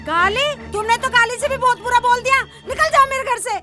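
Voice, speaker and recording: Jamila, shrill scolding wife. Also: female voice, a little fast, sharp tone, some chatter behind. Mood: angry. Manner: lamenting, then sharply scolding. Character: young wife Jamila, distraught then scolding. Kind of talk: low-budget comedy film acting. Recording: background music under dialogue.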